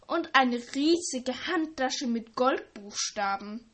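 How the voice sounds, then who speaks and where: A woman reading the part of an excited, gossipy teenage schoolgirl in a storybook. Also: sits high, slow pace, full character voice.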